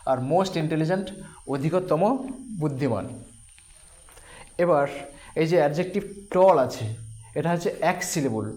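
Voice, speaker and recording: A man teaching an English grammar lesson, speaking slowly and deliberately, repeating terms and splitting words into syllables. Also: fairly high pitch, a little mellow. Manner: asks questions then answers them himself.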